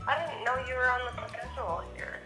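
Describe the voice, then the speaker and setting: A woman's voice: high-pitched, animated, brisk, music in the background. A woman receptionist talking casually on a speakerphone, with a puzzled, questioning manner. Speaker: salon receptionist answering the phone. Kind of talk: casual customer-service phone talk. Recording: phone on speaker, echoey room.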